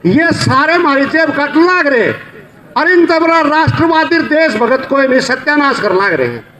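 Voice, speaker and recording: Man, rally speaker: very high, sharp, forceful delivery, mocking and full of folksy tales. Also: animated, normal speed, slight background noise, rough recording. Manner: rhetorical, mocking, storytelling. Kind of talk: rally speech with folksy anecdotes. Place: outdoor protest rally.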